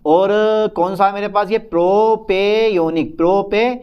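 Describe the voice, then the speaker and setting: High-voiced man teaching chemistry. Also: steady tone, a little slow, clear, resonant tone, dull audio. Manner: talks to students as "beta" and "sahab", answers his own questions in a student's voice. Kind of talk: whiteboard lecture.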